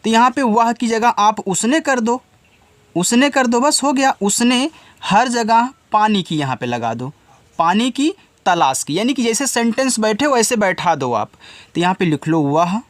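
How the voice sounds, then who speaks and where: Man teaching in a lively, patient voice. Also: sits high, unhurried, dry recording. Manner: patient, repeats each step, often asks listeners directly. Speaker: English teacher. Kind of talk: casual spoken lesson.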